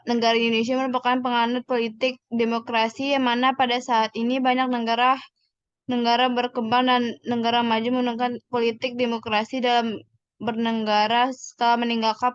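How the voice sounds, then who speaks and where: A woman's voice: on the high side, level tone, normal speed, clean tone, dry recording, lo-fi sound. A young woman reading a prepared presentation aloud, stumbling and restarting words now and then. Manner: reads aloud with restarts and slips.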